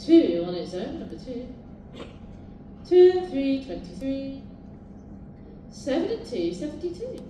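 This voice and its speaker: A British woman working as a bingo caller, announcing numbers live in a sing-song, formulaic way with measured repetition. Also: sits high, big pitch swings, warm tone. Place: large echoing indoor bingo hall. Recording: very echoey hall, distant, noisy.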